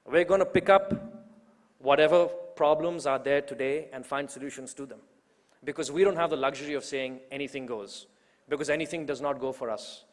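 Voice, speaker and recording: A man in his twenties, a youth organizer introducing the main speaker at a political event, gives a rousing, emphatic speech, hammering his points home through repetition. His mid-range voice moves briskly, with long reverb from the large event hall.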